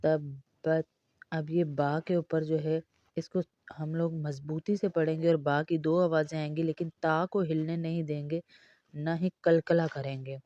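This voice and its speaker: Lady teaching quran recitation word by word, dark mellow voice, slow stretched words then fast explaining, dry lo-fi sound. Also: sits low, fairly even intonation, no echo. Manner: slow drawn-out recitation alternating with rapid explanations.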